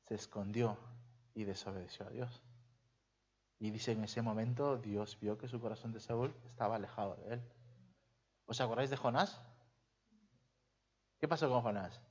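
A man preaching a sermon to a congregation, dramatic and full of rhetorical questions, his loudness rising and dropping sharply. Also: mid-range voice. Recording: dull lo-fi recording.

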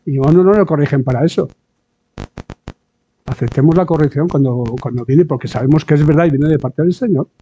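A man delivers a sermon in a conversational way, his voice pitched a little high yet mellow in tone. He keeps asking his listeners short tag questions and now and then acts out the voices of the people he quotes. The recording sounds dull and lo-fi. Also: fairly quick, a little hiss or hum. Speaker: preacher.

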